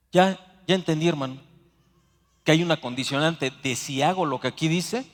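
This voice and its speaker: A man with a Mexican Spanish accent preaching a sermon as pastor, slowing down for emphatic scripture readings. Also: mid-range voice. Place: church sanctuary. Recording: long hall reverb.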